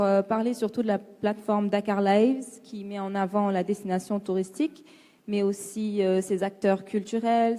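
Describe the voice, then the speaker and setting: A woman's voice: mid-range voice, mellow. A woman panelist introducing her project hesitantly, with many "euh"s. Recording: long hall reverb.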